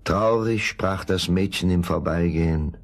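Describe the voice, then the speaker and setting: A man narrating a fairy tale in an expressive storytelling style. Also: low voice, a little slow, vocal fry.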